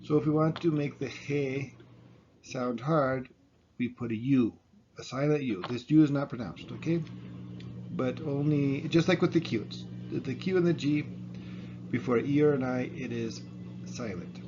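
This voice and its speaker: A man teaching a language pronunciation lesson, patiently sounding out syllables and asking the listener to repeat. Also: mid-range voice. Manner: patient, repeats syllables slowly, chuckles at own slips. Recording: dull lo-fi sound, faint room noise.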